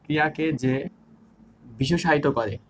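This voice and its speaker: A man's voice: on the high side, unhurried, slight background noise. A young man teaching an online grammar lesson, repeating key terms and asking and answering his own questions. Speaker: grammar instructor.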